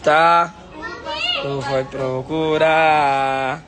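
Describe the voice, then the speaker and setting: A Brazilian pastor vlogging a trip in a busy airport, chatty and exasperated, often laughing. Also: male voice, a little high, steady tone, drawn-out words, over music. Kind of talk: casual travel vlog to camera.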